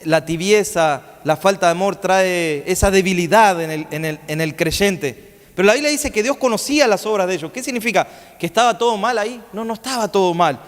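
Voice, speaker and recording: A man's voice: high voice, brisk. Man, preacher, sermon, storytelling, questions to the congregation, reverberant hall. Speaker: guest preacher. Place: church sanctuary. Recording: long church hall reverb.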